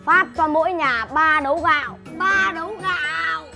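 Commanding village elder, brisk and stern, high pitch, music bed. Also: female voice, vocal fry. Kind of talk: comedy film acting. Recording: music under dialogue.

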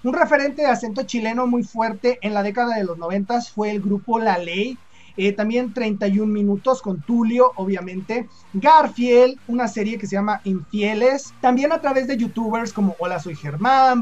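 A woman's voice: a little high, normal speed, highs cut off. A Mexican woman with a Mexican accent, hosting her video in a chatty, explanatory way and thinking aloud. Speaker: video host. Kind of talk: casual explanatory commentary.

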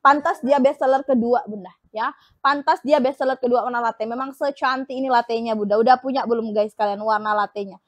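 A young woman with a high, bright-toned voice runs an online live sale, repeating her pitch and calling viewers sweet names. The sound is close and dry, with no room echo. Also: steady tone, brisk. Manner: upbeat, repetitive selling patter with pet names. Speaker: online shop live seller. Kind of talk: live-stream sales pitch.

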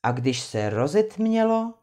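Woman narrator for a fairy-tale reading, low-pitched but very animated. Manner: lively, expressive reading. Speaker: storyteller.

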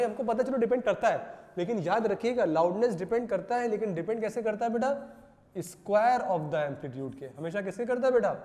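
A man's voice: sits high, dark tone. A male physics teacher giving a classroom lecture, asking rhetorical questions and repeating the answers. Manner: asks rhetorical questions and repeats answers, calls students "beta". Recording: long hall reverb.

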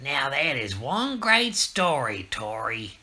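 A woman voicing a male sidekick character with a drawn-out, grandly emphatic delivery, trading playful storytime banter. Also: rumbling low, very animated, pushed and bright, voice pushed down, full character voice. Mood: hammy.

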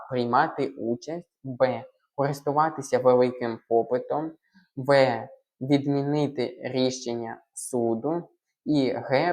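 A man with a mid-range voice works through exam questions like a patient tutor. He explains each answer methodically and spells out single letters along the way. He sometimes trips over a word and restarts. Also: mid-range voice. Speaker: language tutor.

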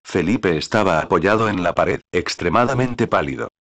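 Deep-voiced male audiobook narrator. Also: normal speed, a bit bright.

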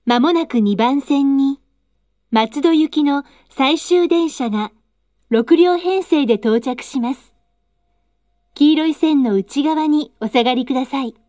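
A woman giving a formal train station announcement in measured set phrases. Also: sits high, mellow, dry recording, studio quality. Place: station platform public address system.

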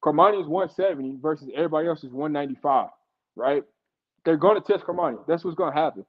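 A man's voice: fairly high pitch, fast. Insistent football analyst man on lo-fi call. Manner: explanatory, insistent, repeats himself to make a point. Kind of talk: casual sports talk show.

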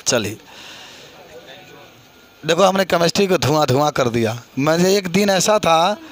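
A high-pitched middle-aged man, accent from eastern Uttar Pradesh Hindi, runs a chemistry class. He asks students questions and repeats what they answer, cheering them on.

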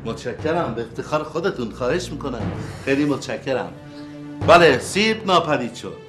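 A man's voice: medium pitch, very animated, over music, lightly acted. An actor playing a clownish amateur magician with playful showman patter. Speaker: sitcom character, amateur magician. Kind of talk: sitcom acting.

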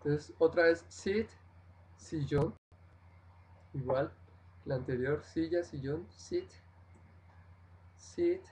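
Male language teacher, very slow and deliberate, drills words one by one on a live stream. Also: a little high, a little mellow, a little hiss or hum, poor audio. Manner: slow, repeats each word, switches between languages. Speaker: English teacher. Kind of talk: vocabulary lesson, livestream.

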